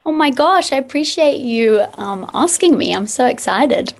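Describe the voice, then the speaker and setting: A woman's voice: high-pitched, lively intonation, moderate pace, creaky. A woman in her thirties, a singer-songwriter, talking in an effusive, enthusiastic way as a guest on a podcast over a video call. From Australia. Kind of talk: casual interview chat. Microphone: remote video call.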